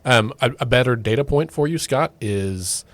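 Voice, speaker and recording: A man's voice: medium pitch, animated, moderate pace. A man co-hosting a political podcast, talking casually with lots of fillers and restarts. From Oklahoma. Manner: conversational, many fillers and restarts. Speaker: podcast co-host.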